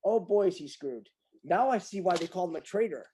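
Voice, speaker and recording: A man with a dark, mellow voice rambles in disbelief, repeating phrases as he reads passages aloud. He jumps between points in a loose, casual commentary chat. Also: high-pitched, lively intonation, brisk, a little hiss or hum. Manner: incredulous, rambling, repeats himself. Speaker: guest reading a document aloud.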